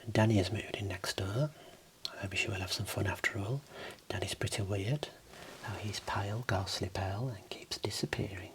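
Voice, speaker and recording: A man speaking in a soft, breathy whisper, giving an unhurried ASMR tour of his book collection. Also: lowish voice, slight background noise, rough recording. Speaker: host showing own book collection.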